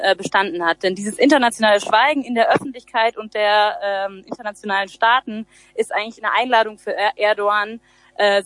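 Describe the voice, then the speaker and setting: A woman's voice: mid-range voice, fairly bright tone, dry recording. Earnest young woman activist, dry sound. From Germany. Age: 20s. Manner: earnest, explanatory, with frequent hesitations. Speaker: activist guest. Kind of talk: interview answers. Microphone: phone call.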